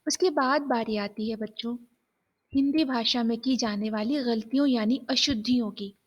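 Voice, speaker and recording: Young lady teacher, kinda high voice, slow patient explaining to kids. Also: lo-fi sound. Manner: slow, patient, addresses children directly. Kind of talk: classroom lesson explaining Hindi grammar.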